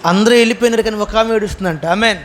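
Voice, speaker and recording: A man's voice: sits high, rapid-fire, slight background noise. A man pastor with a Telugu accent, preaching a sermon and calling on the congregation to answer him. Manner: call-and-response preaching, asks the congregation to answer; acts out quoted lines with a rising, shouted voice.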